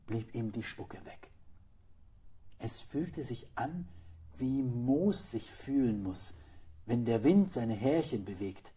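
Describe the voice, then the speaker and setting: A male actor reading a children's story aloud with gentle, expressive storytelling. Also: medium pitch, breathy edge.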